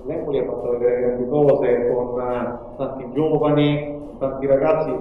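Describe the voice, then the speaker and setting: Man in heavily echoing low-quality recording. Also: level tone, normal speed. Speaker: sports reporter asking questions. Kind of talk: post-match interview question. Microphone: mobile phone. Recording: dull, very echoey low-quality phone recording.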